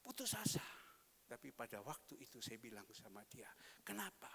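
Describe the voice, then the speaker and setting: A man pastor preaching a sermon with an Indonesian accent, telling stories with sudden swings between loud and hushed asides. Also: medium pitch, sing-song, moderate pace. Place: church hall. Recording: echoey church hall with faint hiss.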